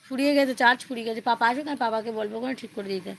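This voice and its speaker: Young mom doing sing-song baby talk to her kid, pretty high voice, scolds him gently. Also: very fast, creaky. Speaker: mother livestreaming with her small child. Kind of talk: casual talk to a toddler on a livestream.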